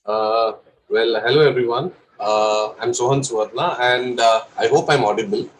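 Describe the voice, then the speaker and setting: A young man with an Indian English accent presents a technical course lecture, explaining carefully but with frequent fillers and an occasional cough. His mid-range voice keeps fairly even intonation at a moderate pace, on a low-quality recording with slight background noise.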